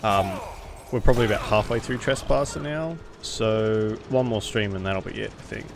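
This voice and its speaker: A man doing casual live-stream game commentary in a halting, rambling way, swearing offhand. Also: on the low side. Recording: clearly noisy home stream recording. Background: background noise, cat scratching at door.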